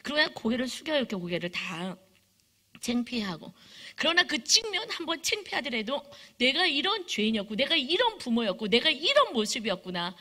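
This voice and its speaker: A woman pastor giving a sermon in an animated way, acting out stories as she goes. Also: high-pitched, a little fast. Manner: animated, acts out stories with voices.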